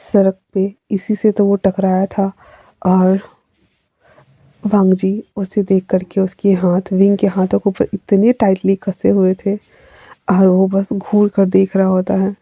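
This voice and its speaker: A woman's voice: medium pitch, warm tone, no echo, lo-fi sound. A woman narrating a fan fiction story in a casual storytelling way, reading each character's lines in her own voice with little change.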